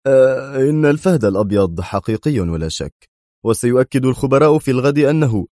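A man's voice: mid-range voice, expressive, a little fast, warm tone, no room sound, clean studio sound, pitched above the performer's own voice, lightly acted. A man voicing a nervous, irritable male museum director. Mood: worried. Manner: nervous, indignant.

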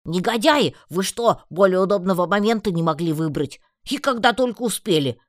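A man's voice: high-pitched, expressive, normal speed, no echo, clean studio sound, voice pushed up. A man voicing a feisty young woman, an outspoken trader who bursts out indignantly. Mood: furious. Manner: indignant, loud outbursts. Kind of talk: audiobook character voice.

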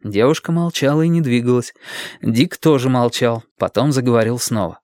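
A man narrating an audiobook in a steady, even storytelling manner, close to the microphone. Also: mid-range voice, normal speed, no echo. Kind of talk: scripted narration.

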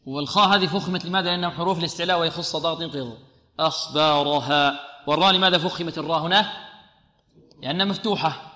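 A man teaching Quran recitation in a radio lesson, who asks questions, answers them himself and chants the verse examples slowly. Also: fairly high pitch, sharp tone. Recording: echoey reverberant room.

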